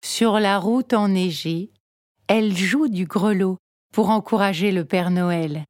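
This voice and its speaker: A woman narrating a children's storybook at a slow, unhurried pace. Her reading is calm and measured. The voice is close and dry. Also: mid-range voice, no echo. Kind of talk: storybook read-aloud narration.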